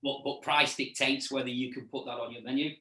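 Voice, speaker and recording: A middle-aged man, chatting casually as an interview guest and haltingly repeating words as he recalls things. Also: medium pitch, steady tone, pushed and bright. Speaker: restaurant owner and chef, interview guest. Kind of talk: casual interview chat, reminiscing. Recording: echoey room, distant mic.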